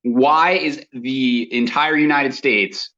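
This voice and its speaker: A man's voice: mid-range voice, steady tone, takes it slowly, pushed and bright. A man co-hosting a podcast while talking over the phone, bantering in a playful, mock-serious way. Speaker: podcast co-host. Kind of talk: casual comedic banter. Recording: muffled lo-fi phone audio.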